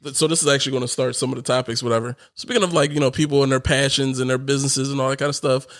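A man's voice: mid-range voice, fairly even intonation, racing, fairly bright tone. A man co-hosting a podcast in casual chat, laughing often and telling stories with animation. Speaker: podcast co-host.

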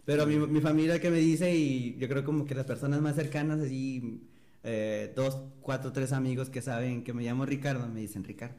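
Speaking briskly in a dark, mid-range voice with fairly level intonation, a young man from Mexico recounts a story as a guest in a relaxed interview, mimicking the voices of others.

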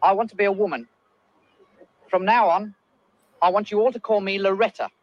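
A man's voice: high voice, normal speed, lightly acted. An actor playing an earnest, pompous male rebel in a comedy film, speechifying. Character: earnest male rebel who wants to be a woman. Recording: dull old film soundtrack.

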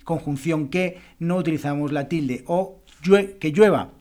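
A man hosting a podcast who explains Spanish grammar in a patient, clear teaching manner and repeats examples aloud. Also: on the high side, unhurried, a little mellow.

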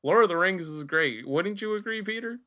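Bright, laughing young podcast host man. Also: sits high, expressive, fairly quick. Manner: laughs often, rambling and enthusiastic. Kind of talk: casual podcast banter.

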